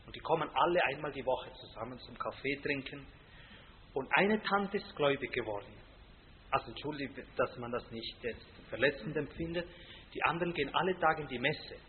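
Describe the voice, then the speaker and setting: A man preaching a sermon, loud and emphatic on scripture, dropping quiet for stories, often ending with a tag question. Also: medium pitch, animated, fairly quick, a little hiss or hum. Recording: tinny phone-like sound with long reverb from a hall.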